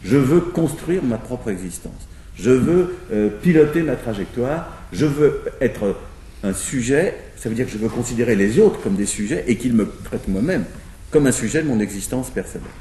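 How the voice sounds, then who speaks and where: A man speaking as a sociologist in a discussion, with a mellow, darker tone. He works through his reasoning with many pauses, small fillers and restarts. The recording sounds roomy and a little distant, with a faint hiss behind him. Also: mid-range voice. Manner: thinking aloud with hesitations and restarts. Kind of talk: spoken lecture-style argument.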